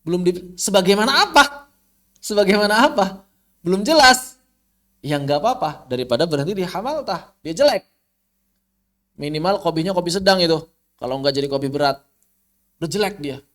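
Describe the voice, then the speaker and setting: Animated man teaching Quran recitation. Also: high voice. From Indonesia. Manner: explains with rhetorical questions, chants Arabic verses slowly. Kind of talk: online tajwid lesson.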